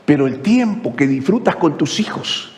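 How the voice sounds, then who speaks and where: A male pastor preaching a sermon, asking rhetorical question after question and swinging from hushed to exclaiming. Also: on the high side, expressive, moderate pace, in a large hall. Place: church.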